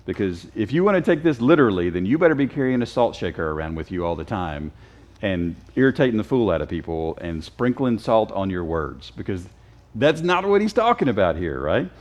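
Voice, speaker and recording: Lively joking teacher, a man. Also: fairly low pitch, fairly quick. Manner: lively, joking, quizzes the class. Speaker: Sunday school teacher. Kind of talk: casual Bible class teaching. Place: church classroom.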